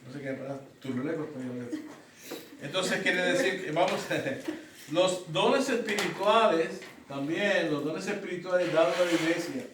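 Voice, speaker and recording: A middle-aged pastor whose voice sits high and moves a little slowly gives a Bible study lesson woven with personal testimony. His style is conversational, full of rhetorical questions and restarts, and the church classroom recording is roomy with a distant mic and faint background noise.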